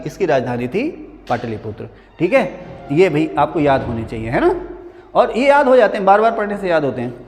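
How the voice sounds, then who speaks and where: A high-pitched man lectures on history to a class, asking a question and answering it himself as he goes. He chats and jokes with the students between points. His voice rings with a long reverb in the room. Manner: repeats key answers as quiz-style questions. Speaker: history teacher at a coaching academy.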